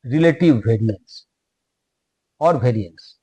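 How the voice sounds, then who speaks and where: Slow, halting Indian-accented male lecturer. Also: medium pitch, lively intonation, dark tone, slightly rough, dry recording. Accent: Indian English. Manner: slow, halting, repeats phrases.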